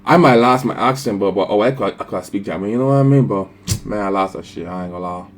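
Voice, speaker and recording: A 24-year-old man from the Dominican Republic, with a Virgin Islands Caribbean English accent, rambles casually through unedited vlog answers to viewer questions. He talks quickly in a lowish voice, swearing and constantly saying "you know what I mean," with a little hiss or hum in the audio.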